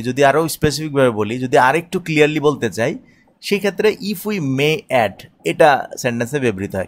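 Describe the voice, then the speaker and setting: A man from Bangladesh, teaching English, who reads English phrases slowly and then translates and explains each one. He often asks himself questions and answers them. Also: mid-range voice. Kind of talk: explaining an editorial line by line.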